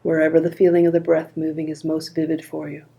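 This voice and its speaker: This is a guided body scan meditation led by a woman whose voice is low and carries vocal fry. She keeps things calm, gentle and slow-paced.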